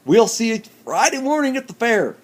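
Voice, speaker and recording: Storybook: a warm-hearted, chipper duck, read by a man, lively lilt. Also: extremely high pitch, moderate pace, pitched above the performer's own voice. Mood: cheerful. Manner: bright and kindly. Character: cheerful friendly male duck host.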